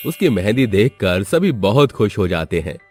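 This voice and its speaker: A man narrating a storybook tale in an expressive, scripted way. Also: fairly low pitch, normal speed, husky, soft background music.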